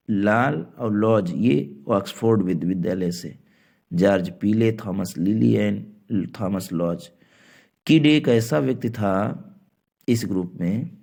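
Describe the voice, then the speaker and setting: A man teaching an exam-prep literature lesson, speaking slowly, repeating points and spelling out words letter by letter. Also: fairly low pitch, creaky, warm tone. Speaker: coaching teacher.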